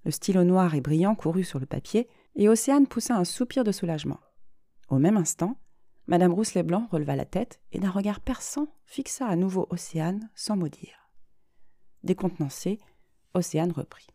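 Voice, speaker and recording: A woman, a podcast host, narrating a short story in a steady, expressive reading voice close to the mic. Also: fairly low pitch, moderate pace, no echo. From France.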